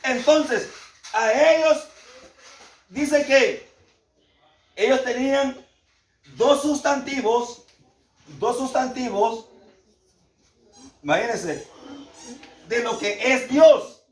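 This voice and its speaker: Extremely high in pitch, a man draws out his words and leaves long pauses over slight background noise. He has a Salvadoran Spanish accent and is teaching a Bible lesson, stressing key words by repeating them and asking the class questions, far from the mic in an echoey room.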